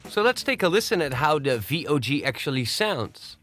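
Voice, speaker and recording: A man presenting an audio plugin tutorial in a home studio, explaining each control step by step in a steady, methodical way. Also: fairly high pitch, normal speed, faint music behind. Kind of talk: software walkthrough tutorial.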